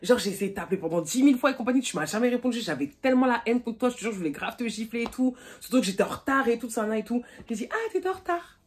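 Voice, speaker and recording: A young woman from France telling a storytime vlog in a slangy, animated way, acting out both sides of the dialogue. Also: fairly high pitch, rapid-fire, hardly any pauses. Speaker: YouTuber. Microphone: phone camera.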